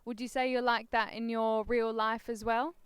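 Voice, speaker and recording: A woman hosting an interview, asking polite questions with soft fillers. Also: fairly high pitch, flat delivery, moderate pace, clear, resonant tone, no echo. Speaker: interviewer host.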